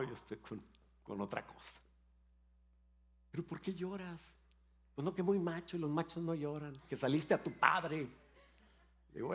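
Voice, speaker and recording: Older pastor guy preaching, chatty stories and little jokes, middle pitch. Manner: warm storytelling with playful asides. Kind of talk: sermon.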